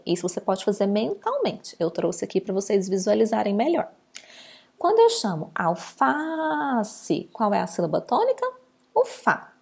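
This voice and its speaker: A woman's voice: medium pitch, wildly swooping pitch, moderate pace, gravelly, a little mellow, breathy edge. A woman teacher giving a recorded lesson to children, patiently drawing out words syllable by syllable. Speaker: primary school teacher.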